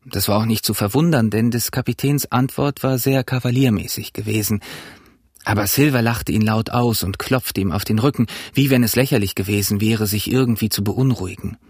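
Male audiobook narrator, husky tone, dry close recording, measured storytelling. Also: on the low side, darkish tone, dry recording. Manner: measured storytelling, first person. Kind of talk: scripted narration.

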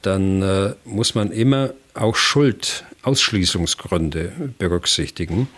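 An older man with a very low voice explains things calmly and methodically. He often pauses and fills the gaps with hesitation sounds, like an expert guest in an interview. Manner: hesitant, many filler sounds, measured. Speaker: retired general, expert guest.

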